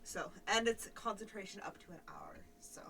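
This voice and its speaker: A woman's voice: mid-range voice, huge pitch swings, normal speed, vocal fry, fairly bright tone, distant mic. Chatty woman heard from off-mic. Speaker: player. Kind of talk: casual tabletop game talk.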